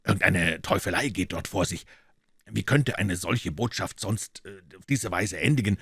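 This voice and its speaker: A man voicing a calm, incisive male master detective in a measured, deliberate way. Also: sits low, slightly rough, no room sound, clean studio sound, full character voice.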